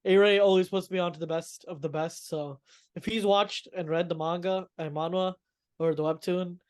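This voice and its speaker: Slangy man with a slightly high voice. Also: steady tone, normal speed, clear, resonant tone. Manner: slangy, hyped, repeats himself. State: sick, coughing. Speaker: podcast co-host. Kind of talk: casual chat about anime.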